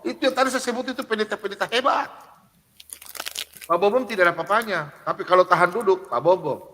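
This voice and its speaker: Emphatic high-voiced man preaching live. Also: fast talker, a bit bright, in a large hall, slight background noise. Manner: refers to himself in the third person; emphatic, rhetorical questions, recites verses. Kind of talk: unscripted live preaching, reading scripture.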